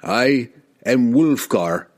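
A man's voice: expressive, darkish tone. A man voicing a proud young barbarian warrior. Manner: booming, slow, proclaiming.

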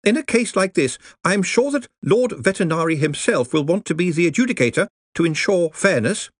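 A man's voice: sits high, expressive, brisk, breathy edge, no echo, clean studio sound, pitched above the performer's own voice. A man voicing a nervous, pedantic young wizard who speaks precisely and deferentially. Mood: fussy.

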